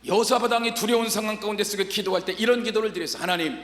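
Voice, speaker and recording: Male pastor, revival sermon, high lively pitch, dramatic hushed-to-shouted delivery, roomy church reverb. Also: rapid-fire. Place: large church sanctuary. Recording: echoey church hall reverb.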